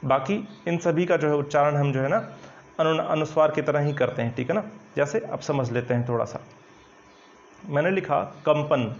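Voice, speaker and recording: A man with a somewhat high voice gives a Hindi grammar lesson and explains each point patiently and step by step. He keeps checking that students follow and fills his pauses with hesitations. The recording sounds dull and lo-fi. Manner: explanatory, repeats "ठीक है ना" often, hesitant fillers. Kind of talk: online coaching lesson at a whiteboard.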